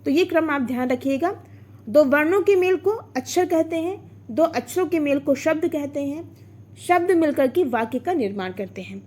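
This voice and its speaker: Woman exam tutor, high voice, patient step-by-step explainer who quizzes and answers herself. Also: expressive, normal speed, a little mellow. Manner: explanatory, asks and answers own questions; sounds out vowels and syllables. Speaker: exam prep teacher. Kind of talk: online Hindi grammar lesson.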